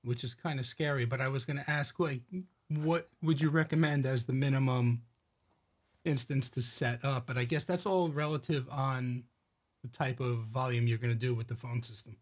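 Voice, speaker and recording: A man in his sixties hosting a casual livestream, relaxed and joking. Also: mid-range voice, moderate pace. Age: 60s. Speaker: channel host.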